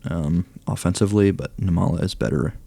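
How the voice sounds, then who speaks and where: A young man commenting casually on a baseball video game, reading stats aloud and thinking out loud, hoarse as he loses his voice. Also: deep voice, a little fast, no echo. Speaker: gaming YouTuber ranking cards.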